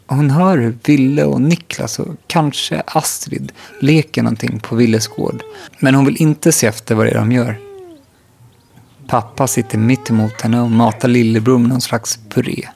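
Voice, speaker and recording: Gravelly male storybook narrator. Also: medium pitch, fairly even intonation, a little mellow. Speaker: audiobook narrator. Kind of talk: children's book reading.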